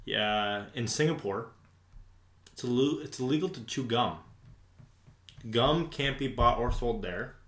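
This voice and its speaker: A man's voice: mid-range voice, measured pace, long pauses, fairly bright tone, roomy sound. A man co-hosting a podcast, chatting casually with sarcastic remarks and casual swearing. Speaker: podcast co-host. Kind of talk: casual chat.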